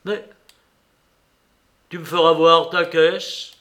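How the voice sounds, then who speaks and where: A man voicing a mocking, relentless blackmailer who jeers and presses his demands loudly. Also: a little high, flat delivery, takes it slowly. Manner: raised, jeering, emphatic.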